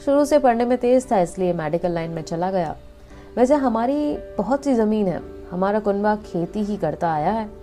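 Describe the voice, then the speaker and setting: A chatty young medical student, easygoing and a little teasing, out of a spoken storybook; a woman narrator acts him out. His tone stays mellow and warm, with faint music underneath. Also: high-pitched, animated, moderate pace. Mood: friendly chatty. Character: friendly young male medical student on a train.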